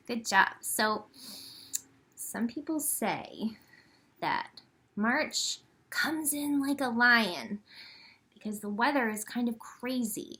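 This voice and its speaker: Her mid-range voice carries a breathy edge as this woman leads library storytime for children. Talking straight to the kids, she reads and chats using simple, expressive phrasing.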